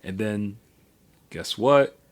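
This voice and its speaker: A man's voice: on the low side, lively intonation, drawn-out words. A man co-hosting a podcast in casual chat, rambling through a history with many fillers and restarts. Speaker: podcast co-host.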